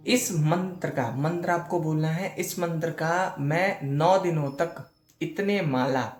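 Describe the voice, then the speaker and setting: A man giving devotional instructions, chanting mantras slowly and often pausing with a short "okay". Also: fairly high pitch. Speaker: spiritual teacher. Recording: echoey room with faint music.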